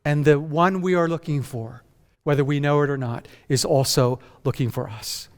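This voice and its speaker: Japanese-born pastor preaching in a reverberant hall. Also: male voice, fairly high pitch. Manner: measured, emphatic, builds with repeated phrases. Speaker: senior pastor. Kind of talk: conference sermon.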